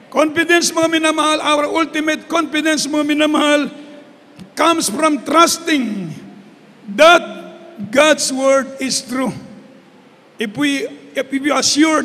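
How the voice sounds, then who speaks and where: Filipino guy preaching, really high bright voice, keeps saying the same fond refrain, big hall echo. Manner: switches between Tagalog and English, repeats "beloved" as a refrain. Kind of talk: sermon. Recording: hall reverb.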